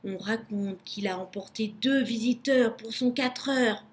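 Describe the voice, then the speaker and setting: A woman's voice: fairly high pitch, a little slow, lightly acted. A woman doing a whispering llama, whispered role-play. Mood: secretive. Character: secretive llama, fearful.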